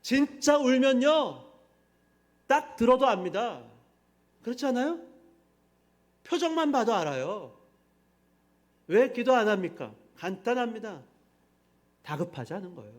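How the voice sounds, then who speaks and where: A middle-aged male pastor delivers a sermon in a church sanctuary, his voice pitched high. He presses the congregation with emphatic rhetorical questions, then drives home each point. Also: expressive, measured pace, long pauses. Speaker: senior pastor.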